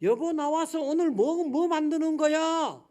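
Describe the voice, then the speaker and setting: A man's voice: extremely high pitch, unhurried, a little mellow, pitched above the performer's own voice. A man doing a sweetly calling husband. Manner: sweet, coaxing calls. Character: patient middle-aged husband calling to his wife.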